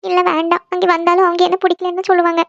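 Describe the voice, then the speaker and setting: A hurt young woman in a cartoon, voiced by a woman, talks high and fast as she brushes off worry and insists nothing is wrong. The sound is dry and a little muffled. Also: monotone, creaky, a bit bright, no room sound, faint music behind, exaggerated voice. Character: young woman, tearful and proud. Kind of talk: cartoon voice acting.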